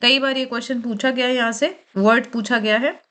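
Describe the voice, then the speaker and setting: In an exam-prep lecture on word roots, a woman with a slightly high voice teaches in Hindi laced with English terms. She explains slowly and steadily, says each key word twice, and repeatedly asks questions and answers them herself.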